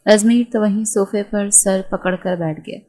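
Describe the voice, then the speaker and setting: Mellow-voiced woman narrating a novel. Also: mid-range voice, fairly even intonation, low-quality recording. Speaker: storyteller. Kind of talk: scripted narration of a romance novel.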